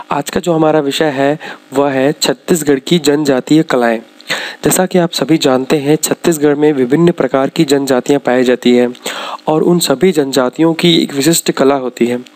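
A man teaching an exam-prep lesson over slides, listing items briskly and pausing to explain. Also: medium pitch, fairly even intonation, a little mellow. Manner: brisk, lists items one after another with frequent pauses to explain. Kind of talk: slide-based lecture.

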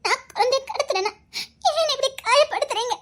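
A woman as a shrill accused daughter-in-law. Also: normal speed, fairly bright tone. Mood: indignant pleading. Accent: Tirunelveli Tamil. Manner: pleading and protesting, laughs through lines. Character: young daughter-in-law, wrongly accused, indignant. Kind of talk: comedy skit acting.

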